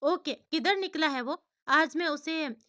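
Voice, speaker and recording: A friendly police inspector chats easily with an old friend, his voice high and bright, as a woman narrator puts him on. He sounds loyal and reassuring, a storybook side figure. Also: unhurried.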